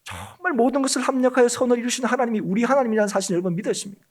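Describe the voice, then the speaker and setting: A man's voice: very high voice, very fast. A male pastor preaching a Sunday sermon, emphatic and often calling out to the congregation. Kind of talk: Korean church sermon. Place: church sanctuary.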